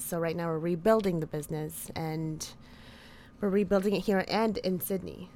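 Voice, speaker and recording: A Philippine-born woman in her thirties is a podcast guest, answering interview questions in a chatty manner that frequently breaks into laughter. Her voice is fairly low in pitch.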